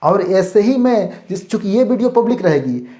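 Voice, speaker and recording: A male teacher running a mock class, firing off questions and then supplying the answers himself. His tone is mellow and unhurried. The room around him rings with a noticeable echo. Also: high-pitched, lively intonation. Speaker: Hindi teacher. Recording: roomy echo.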